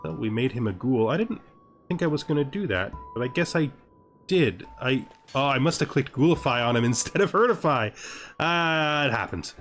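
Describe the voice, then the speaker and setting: With music playing behind him, a man hosting a strategy game session comments as he thinks out loud. His medium-pitched voice is animated and fairly bright at a moderate pace, and he mulls things over, says things twice, and often tacks on a questioning tag.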